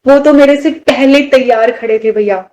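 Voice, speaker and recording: Rambling woman with a higher voice. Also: moderate pace, a little mellow, rough recording. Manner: rambling, many restarts, keeps addressing the host as brother. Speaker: devotee guest sharing a personal story. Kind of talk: casual spoken storytelling.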